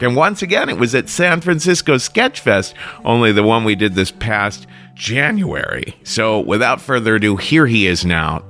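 A man hosting a storytelling show, introducing the next storyteller in an enthusiastic, lively way. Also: medium pitch. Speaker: podcast host. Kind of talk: scripted radio introduction. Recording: music bed behind.

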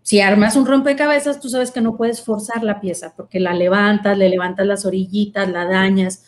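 A woman's voice: mid-range voice, fairly even intonation, moderate pace. A woman, a guest earnestly telling her vocation story in conversation, with many fillers. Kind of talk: personal testimony in conversation.

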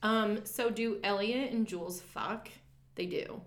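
A woman co-hosting a casual podcast, her voice sitting at an ordinary middle pitch. She is chatty and loose, peppering every sentence with "like" and dropping swear words without a second thought. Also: slow pace. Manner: chatty, lots of "like" fillers, swears freely. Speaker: podcast co-host. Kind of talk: casual chat.

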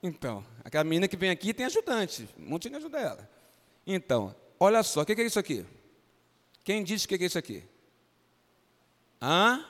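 Brazilian pastor guy, high voice, animated and coaxing with the kids, long church echo. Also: brisk, long pauses. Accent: Brazilian Portuguese. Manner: coaxing, animated, calls on children by name. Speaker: pastor leading a children's Bible lesson. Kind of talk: interactive children's sermon. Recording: reverberant church hall.

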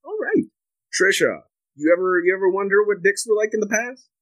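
A man's voice: sits high, animated, a little fast, fairly bright tone, dry recording, low-quality recording. A young man hosting a casual podcast, joking and playful with teasing wordplay. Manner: playful, jokey, alliterative wordplay. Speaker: podcast host.

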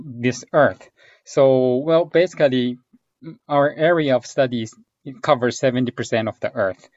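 A man from Japan, a researcher, answers interview questions at a middling pitch. He hesitates and fills his pauses as he thinks aloud. His voice sounds dry and a little dull, with no room around it. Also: a little mellow, no room sound. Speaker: guest researcher.

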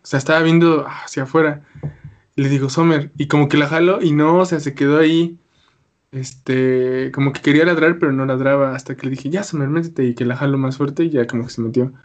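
A man's voice: mid-range voice, steady tone. A young man with a Mexican accent, co-hosting a casual chat and telling anecdotes with slang and jokes. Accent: Mexican Spanish. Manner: slangy, joking, quick to laugh. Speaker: podcast co-host.

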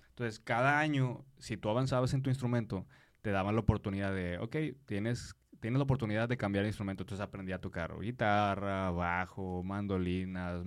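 A man, a musician guest in a casual podcast chat, relaxed and jokey. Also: fairly low pitch, clean tone. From Mexico.

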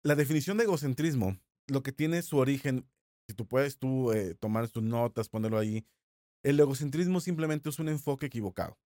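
A middle-aged man with a Mexican Spanish accent teaching a recorded Bible lesson in a small studio, talking conversationally and slowing down to repeat phrases for emphasis. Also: mid-range voice, mellow, no room sound.

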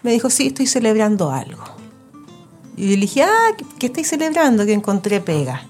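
A woman's voice: a little high, brisk, faint music behind. A young adult woman with a Chilean accent, a stand-up comedian telling stories in casual chat, acting out the voices of people in them. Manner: animated storyteller, acts out voices.

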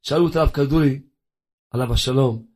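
A man's voice: mid-range voice, darkish tone. A man delivering a fervent religious sermon, firing rhetorical questions at his listeners. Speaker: preacher.

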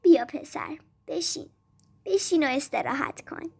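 A woman voicing a gentle, loving old tree in a storybook reading, speaking softly and tenderly. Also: high voice, animated, vocal fry. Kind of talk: storybook narration.

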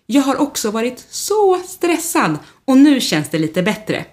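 A woman's voice: fairly high pitch, very animated, a little mellow, pitched above the performer's own voice. A woman reading a storybook voices a teasing, self-assured woman. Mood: relieved. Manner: teasing, pointed.

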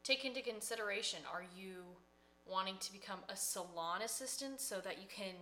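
A woman's voice: mid-range voice, normal speed, bright, forceful tone, a little hiss or hum. A woman hairstylist co-hosting a podcast from home, giving casual advice with many fillers. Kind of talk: casual chat.

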